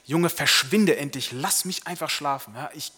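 A man preaching plays a tired, commanding king who is quick to anger, in a telling of a story. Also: mid-range voice, pushed and bright. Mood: sleepy, annoyed. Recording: long reverb of a large hall.

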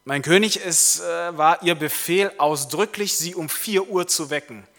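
A man's voice: a little high, unhurried, vocal fry, fairly bright tone, voice pushed up. A man preaching plays a dutiful male valet who politely insists on carrying out his orders. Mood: insistent. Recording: long reverb of a large hall.

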